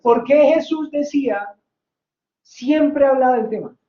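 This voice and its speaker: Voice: high voice, unhurried, a crowd in the background. A Bible-study teacher leading a faith study, telling stories and often checking in with the class. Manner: lively, asks "¿sí?" to check the class, tells stories. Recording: roomy, slightly dull recording.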